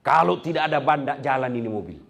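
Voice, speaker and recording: A man's voice: mid-range voice, expressive, racing, creaky, fairly bright tone. A man voicing a proud car tire that brags about being the most important part. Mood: boastful. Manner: bragging.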